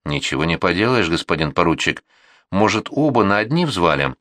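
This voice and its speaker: A man's voice: low voice, big pitch swings, brisk, fairly bright tone, no echo. A man voicing a plain-spoken soldier who talks in a folksy, cursing way. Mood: urgent.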